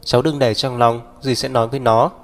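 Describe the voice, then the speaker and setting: A man voicing a blunt, teasing middle-aged mother in a brisk, scolding manner. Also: mid-range voice, steady tone, lightly acted. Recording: long reverb, faint background music.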